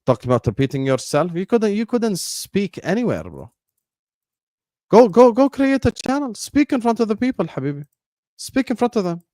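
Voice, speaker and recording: A man's voice: sits high, very animated, normal speed, mellow, dry recording, studio quality. A man from Jordan whose first language is Arabic, hosting a football live stream in a combative, repetitive way. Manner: combative, repeats phrases, fillers like "you get me". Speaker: football channel host.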